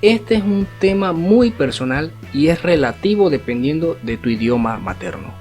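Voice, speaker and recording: A man's voice: on the high side, big pitch swings, moderate pace. A man teaching an online language lesson in an explanatory way, often checking in with rhetorical tag questions. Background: faint guitar music.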